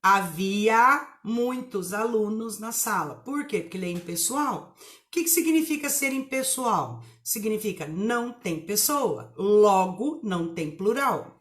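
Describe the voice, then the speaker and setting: A woman's voice: mid-range voice, animated, measured pace, fairly bright tone. A woman teaching a live online writing lesson, emphatic, spelling words out and asking rhetorical questions.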